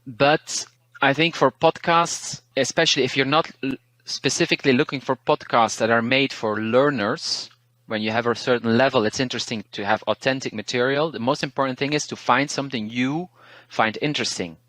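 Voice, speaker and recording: A Belgian language teacher, a native Dutch speaker with a Belgian Dutch accent, shares learning tips in an interview of casual advice. He's relaxed and thoughtful, pausing and restarting words. His medium-pitched voice is recorded dry.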